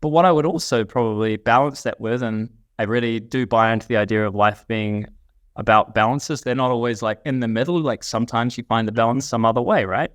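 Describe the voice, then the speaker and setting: A man speaks as an interview guest, his voice smooth and clear. He talks in a thoughtful, reflective way, often restarting his sentences. The sound is close and dry, with no room around it. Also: medium pitch, brisk, fairly bright tone, no room sound. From New Zealand. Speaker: guest, company CEO. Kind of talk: casual interview chat.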